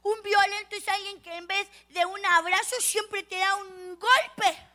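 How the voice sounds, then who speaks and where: A woman's voice: very high-pitched, steady tone, unhurried, bright, forceful tone, exaggerated voice. A woman voicing a stern, caring mother who explains things to her daughter, indignant.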